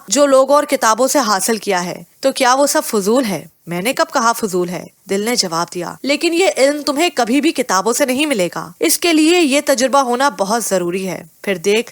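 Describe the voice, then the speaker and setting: A woman reading a novel aloud as an audiobook narrator, speaking in a lower voice for the quoted lines of an inner dialogue. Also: a bit bright, no echo, clean studio sound. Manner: reads a dialogue between heart and reason, dropping lower for the quoted lines.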